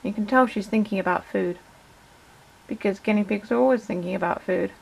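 A woman's voice: medium pitch, a little fast, gravelly, a little mellow, slightly rough, rough recording. A woman, hosting a casual video and fondly chatting to her pet. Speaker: video host. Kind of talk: casual chat to camera.

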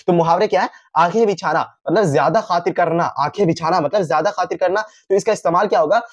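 High-voiced man teaching a lesson. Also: fast, no room sound, clean studio sound. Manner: repeats each point, chatty asides to students. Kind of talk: casual exam-revision lesson.

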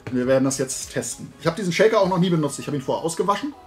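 A middle-aged man hosts a hobby video from a home room lined with shelves of toy figures, chatting casually about tasting and recommending products. His voice is a little high with lively intonation, and he races along in a loose, rambling, colloquial way. Faint music plays in the background.

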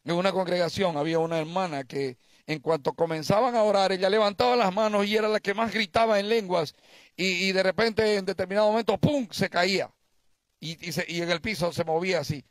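A man's voice: sits high, fairly quick, no room sound. A male pastor preaching a sermon, asking the congregation questions and telling them stories.

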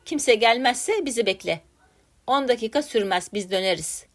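A woman voicing a group of rough male street thieves who bark orders coarsely. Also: on the high side, lively intonation, normal speed. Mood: gruff.

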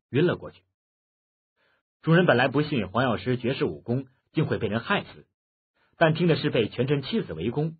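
Husky male storyteller, lively. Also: medium pitch. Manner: expressive storytelling. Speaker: audiobook narrator. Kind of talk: scripted martial-arts novel narration. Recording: muffled phone-like lo-fi audio.

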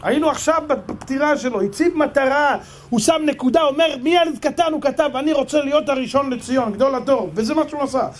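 Speaking in a very high voice with barely any pauses, a rabbi with an Israeli Hebrew accent gives a story-filled sermon. He is an animated storyteller who performs the dialogue himself.

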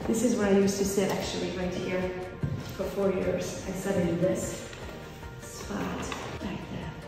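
A woman's voice: lowish voice, level tone, a little slow, vocal fry, music in the background. A woman in her forties from Transylvania, telling her life story in a chatty, playful vlog and talking straight to her viewers. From Transylvania, Romania. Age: 40s. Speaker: entrepreneur vlogger. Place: home office with window, then old school building.

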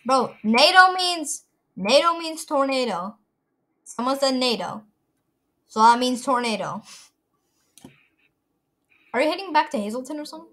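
A young woman chatting casually with a friend while playing an online game, excitable and fond of saying "bro". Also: high voice, unhurried, long pauses. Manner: excitable, says "bro" a lot. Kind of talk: casual gameplay chat with a friend. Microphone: gaming headset mic.

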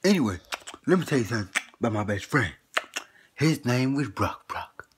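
A man's voice: mid-range voice, lively intonation, normal speed, noisy background, natural voice. A man playing a boastful old grandpa who tells tall tales in a folksy, slangy drawl and chuckles between lines. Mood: teasing. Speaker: comedy skit performer. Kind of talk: comedic character monologue.

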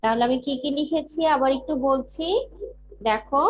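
A woman's voice: high voice, normal speed, poor audio. A young woman with a Bangladeshi Bengali accent teaching a kindergarten class, patiently drilling letters and chanting rhymes in a sing-song way. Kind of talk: online class lesson.

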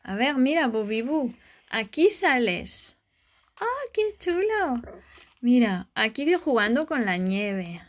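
A woman, a vlogger and mother, chatting softly and dotingly with a child and her viewers. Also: on the high side, expressive, slow pace. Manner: doting and soft, speaking as to a small child. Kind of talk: casual chat with a child and viewers.

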